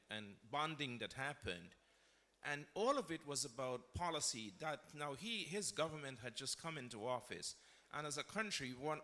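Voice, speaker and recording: Bright-voiced Guyanese man recounting his diplomatic past. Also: medium pitch. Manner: reflective, storytelling, self-correcting. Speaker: panelist, former diplomat. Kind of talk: panel discussion.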